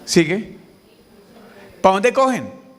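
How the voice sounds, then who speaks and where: Colombian guy pacing a big echoey hall, high-ish voice, keeps asking the crowd "right or not". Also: very slow. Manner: lively, questions the audience directly. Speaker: motivational speaker. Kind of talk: conference talk with audience questions. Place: large conference hall. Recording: reverberant hall, mic on stage.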